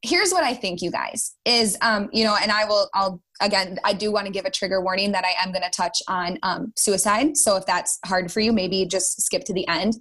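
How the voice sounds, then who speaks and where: A woman's voice: mid-range voice, little pitch movement, brisk, few pauses, fairly bright tone. A woman with a Minnesota accent speaking as a podcast guest, casually and earnestly, addressing listeners directly. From Minnesota, United States. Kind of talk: casual, earnest conversational storytelling and advice.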